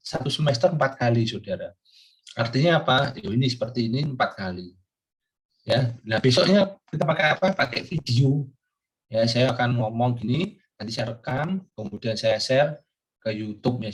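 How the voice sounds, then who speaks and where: Older man, lecturer recording a class, mid-pitched, rambling with fillers. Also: breathy edge. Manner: rambling, many fillers and questions to students.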